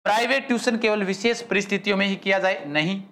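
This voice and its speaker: A man's voice: high voice, fairly even intonation, fast, pushed and bright. A man teaching a live online quiz class, praising students by name and joking in dialect. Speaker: exam-prep teacher.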